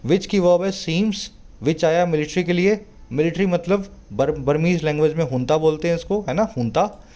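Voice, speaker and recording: Hindi-speaking man tutoring English, mellow voice. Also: on the high side. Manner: explains word by word, slows sharply to read English passages; asks rhetorical questions to the viewer. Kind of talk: Hindi-language English lesson reading a newspaper editorial.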